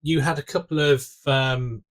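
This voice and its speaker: A man's voice: mid-range voice, steady tone, measured pace. A man chatting casually as a co-host, with a dry, teasing manner. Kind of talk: casual chat.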